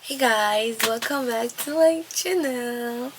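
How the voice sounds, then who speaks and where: In a personal vlog, a woman in her early twenties talks casually and directly to her viewers. Her voice is a little high and her pace slow, with background music playing behind her.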